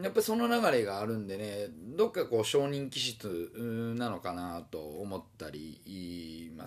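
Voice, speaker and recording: A man with a Kansai accent and a low voice talks on his own in a loose, casual way. He drifts from thought to thought and fills his pauses with many small hesitations. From Osaka. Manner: meandering, many fillers and hesitations. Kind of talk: casual solo talk.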